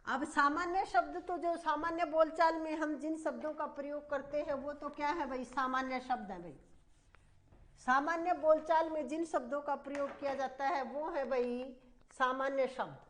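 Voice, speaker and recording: Woman, high voice, grammar teacher, explanatory, repeats points, exam-prep lesson. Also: steady tone, moderate pace. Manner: explanatory, repetitive, addresses students as "bhai".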